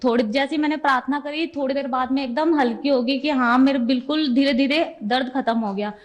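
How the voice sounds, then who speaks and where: A young woman with a fairly high voice tells her story of faith in an earnest, homely way. She keeps retelling who said what, one exchange after another. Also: fairly quick. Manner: earnest, retells conversations with repeated 'I said'. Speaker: devotee giving testimony. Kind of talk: personal testimony storytelling.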